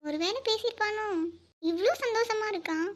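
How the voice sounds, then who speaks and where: A bossy young elder sister in a cartoon, voiced by a woman, scolding in a very high, squeaky voice. She rattles off her complaints quickly and bickers without pause. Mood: grumbling. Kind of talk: cartoon voice acting.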